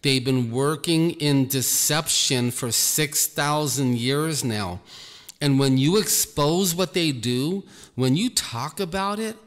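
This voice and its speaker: A man giving an earnest personal testimony about his ministry, talking slowly and repeating himself. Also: on the high side, in a large hall. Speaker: ministry leader.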